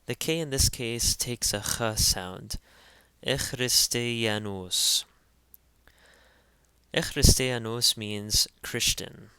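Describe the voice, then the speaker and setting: A man teaching pronunciation in an instructional voice-over, carefully spelling out each sound and repeating every word slowly. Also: medium pitch, sharp tone, clear, resonant tone, dry recording. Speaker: language teacher.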